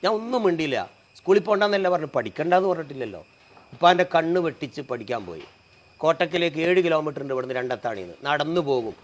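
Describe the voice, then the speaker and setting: A man's voice: a little high, expressive, fast talker. Emotional storytelling man. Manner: earnest, voice rising and falling with emotion.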